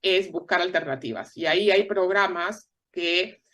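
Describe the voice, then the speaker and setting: A woman from Peru with a Peruvian Spanish accent, a guest explaining things in measured interview answers with frequent tag questions. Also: lowish voice, a bit bright, muffled recording. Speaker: guest analyst.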